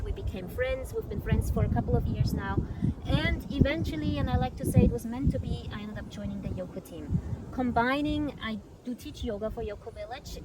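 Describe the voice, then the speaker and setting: A woman's voice: on the high side, background noise. Woman from Austria, fluent and upbeat. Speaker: community manager and yoga teacher. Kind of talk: casual interview answers.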